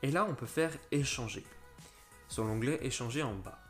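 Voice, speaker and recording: A crypto tutorial host with an animated, mid-range voice walks viewers step by step through an app at a moderate pace, with faint music playing behind him. He's casual, speaks directly to the audience, and often restarts or uses fillers.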